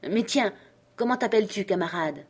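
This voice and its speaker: A woman putting on a hoarse old castaway. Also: medium pitch, a little fast, close to an everyday voice. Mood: wheedling. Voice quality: hoarse, creaky. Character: hoarse ragged old male castaway, half-mad.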